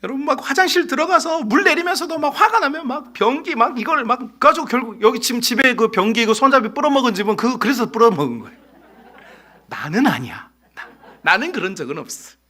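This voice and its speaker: A middle-aged man preaching a sermon as pastor, telling a story with lively acted-out voices. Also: very high voice, fairly quick. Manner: animated storytelling, acts out voices. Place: church sanctuary.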